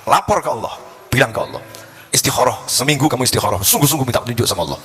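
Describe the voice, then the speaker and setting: A preacher playing a wise old religious teacher, his voice lowered and softened. The teacher reassures his student calmly and steadily. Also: rapid-fire, close to an everyday voice. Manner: calm, reassuring. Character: calm wise older male Islamic teacher.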